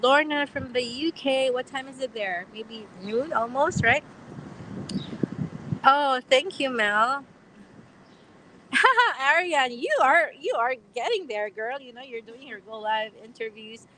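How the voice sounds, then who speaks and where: A woman's voice: high-pitched, expressive, takes it slowly, pushed and bright, poor audio. A young woman hosting a casual live question-and-answer stream outdoors, chatty, with frequent laughs and fillers. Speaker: livestream host. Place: outdoors on a platform.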